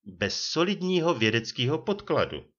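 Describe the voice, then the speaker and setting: A man voicing a gruff, blunt retired old private detective who growls his words in colloquial speech. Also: fairly high pitch, big pitch swings, fairly bright tone, muffled recording, pitched above the performer's own voice. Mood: scheming. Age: older.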